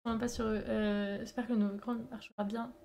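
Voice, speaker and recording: Female streamer, slightly high-pitched, informal chat with viewers, hesitant stop-and-start delivery. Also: level tone, fairly quick, mellow. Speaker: live streamer making pottery.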